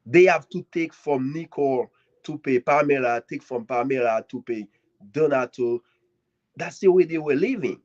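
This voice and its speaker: A man from Haiti, a guest author giving an earnest, grateful speech at a live author event, with swinging emphasis and long dramatic pauses. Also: mid-range voice, a little mellow. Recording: dull lo-fi audio.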